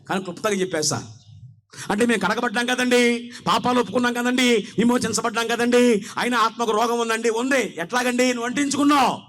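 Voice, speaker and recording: A male pastor with a Telugu accent delivers a sermon in a high, raised voice. He preaches in rhythmic, repeated phrases that lean toward chanting, and keeps calling on his listeners to repeat after him. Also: fairly bright tone. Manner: call-and-response preaching, calling on the crowd to repeat; rhythmic, repetitive, half-sung.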